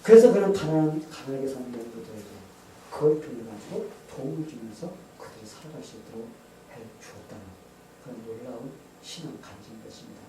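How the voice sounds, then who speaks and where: A man's voice: medium pitch, animated, quick pace. A male pastor preaching a sermon, telling a story with rhetorical questions to the congregation. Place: church sanctuary. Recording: echoey church hall, far mic, faint noise.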